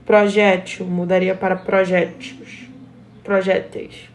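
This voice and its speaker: A woman's voice: lowish voice, little pitch movement, takes it slowly, a little hiss or hum. Brazilian woman teaching grammar, "tá?" after each step. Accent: Brazilian Portuguese. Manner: explains step by step, often adds a checking "tá?". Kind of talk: recorded grammar lesson for pupils.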